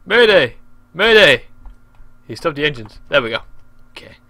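A young English man commentating on his own gameplay, shouty and exasperated as he keeps failing. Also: medium pitch, fast, no echo. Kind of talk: casual game commentary.

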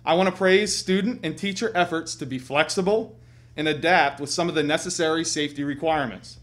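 Higher-pitched middle-aged man, formal school address. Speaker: school administrator. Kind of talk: formal prepared announcement to students. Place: small school TV studio, seated at a desk.

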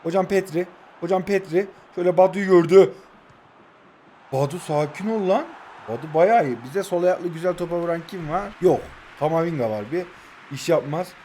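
Young man in his 20s, high voice, streamer doing excitable play-by-play commentary. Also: normal speed, slight background noise. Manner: excitable, shouts names when attacking. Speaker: mobile football game streamer. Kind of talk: live gameplay commentary.

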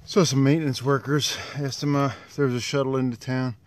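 This hiker vlogger, a middle-aged man, casually narrates outdoors on a wooded trail and dam, speaking into a phone held at arm's length. His mid-range voice is fairly quick with little pitch movement, and the dry recording is clear, with outdoor background noise.

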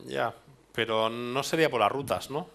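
A man's voice: medium pitch, normal speed, gravelly, fairly bright tone. A man in his thirties from Spain with a Spanish accent, giving a technical meetup talk in a hall, thinking aloud with restarts and tag questions. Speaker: meetup speaker. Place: dark presentation hall with audience.

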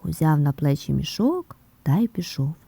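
A woman narrating a fairy tale in an expressive storyteller's manner, sometimes dropping to a whisper. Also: sits low, moderate pace, gravelly, breathy edge, dry recording. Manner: expressive, softening to a whisper in places. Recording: dry close mic with soft background music.

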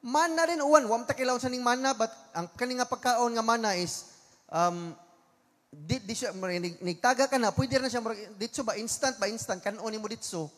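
A man with a Cebuano accent preaching a sermon, slowing down to read scripture lines with emphasis. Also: extremely high pitch, fairly bright tone, long reverb tail. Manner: mixes English scripture quotes into Cebuano, slow emphatic reading.

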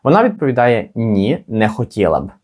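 Male teacher, animated delivery, slow model phrases. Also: mid-range voice. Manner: slow, drawn-out model phrases between quick explanations. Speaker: English teacher. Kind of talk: language lesson.

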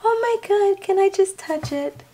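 A woman voicing an excitable little girl doll on her first shopping trip with her mom. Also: very high-pitched, a little slow, a little hiss or hum. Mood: gushing. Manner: gushing, breathless with excitement. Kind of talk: toy doll play video.

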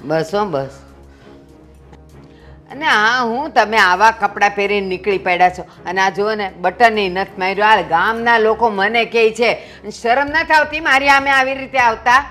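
An actress playing a middle-aged, sharp-tongued mother-in-law who bluntly scolds and mocks her son-in-law. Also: mid-range voice, moderate pace, faint music behind, natural voice. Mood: scolding.

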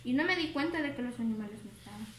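Remorseful young farm girl, read by a woman, apologetic, high voice, echoey room. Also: animated, very fast, slight background noise, natural voice. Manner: apologetic, pleading. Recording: roomy home recording.

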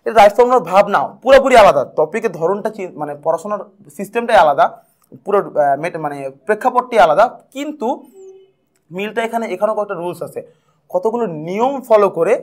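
A high-pitched young man teaches an exam prep lesson at a quick clip. He keeps it lively and playful and goes over each key point more than once.

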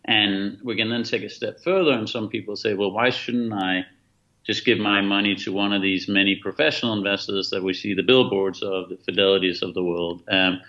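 A Danish-born man in his fifties speaks with a lowish voice, earnest and emphatic, often pausing on fillers. He is heard over a dull, muffled video-call line from a room at home. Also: little pitch movement, pushed and bright. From Denmark. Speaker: guest, author and former fund manager. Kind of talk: remote interview answer. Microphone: laptop webcam video call.

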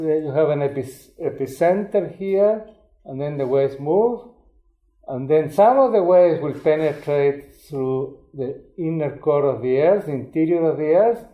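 An older man from Chile giving a public lecture, explaining in an unhurried way with frequent restarts. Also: medium pitch, mellow. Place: lecture hall. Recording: roomy lecture hall sound.

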